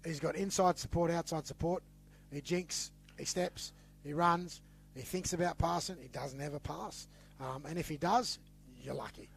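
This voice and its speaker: A man with an Australian accent, hosting a casual sports podcast, talking in a teasing, animated way and repeating words as he gets going. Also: fairly high pitch, moderate pace, gravelly, husky. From western New South Wales. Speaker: podcast host.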